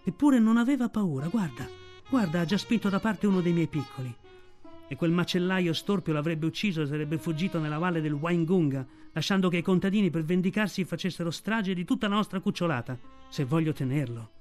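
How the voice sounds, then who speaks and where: A man's voice: a little high, brisk, a little mellow, faint music behind, close to an everyday voice. A man voicing a fierce, protective mother she-wolf in an audiobook, speaking defiantly in a raised voice. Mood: tender. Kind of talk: audiobook reading.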